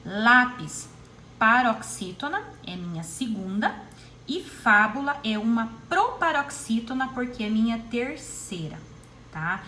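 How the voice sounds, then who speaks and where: A woman's voice: on the high side, very animated, unhurried, sharp tone, a little hiss or hum, rough recording. A woman, teaching a recorded lesson to primary school pupils and repeating key terms patiently.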